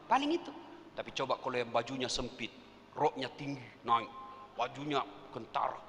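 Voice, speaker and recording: A man's voice: mid-range voice, normal speed, slight background noise. A male preacher giving a comic sermon in a large hall, joking and speaking straight to the crowd, heard with a long reverb and faint ambience. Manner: animated, joking, addressing the crowd directly.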